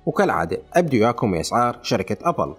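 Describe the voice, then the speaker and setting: A man with an Iraqi accent hosting a tech channel, reading out a long list of phone prices in a steady run. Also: mid-range voice, breathy edge, soft background music. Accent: Iraqi Arabic. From Iraq. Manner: rapid, listing figures in a steady run.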